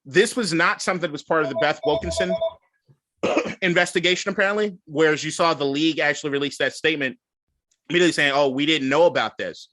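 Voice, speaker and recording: A man's voice: fairly high pitch, quick pace, no echo, low-quality recording. A man co-hosting a sports podcast in casual, profane chat, often laughing. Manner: laughs a lot, profane, animated. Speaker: podcast co-host.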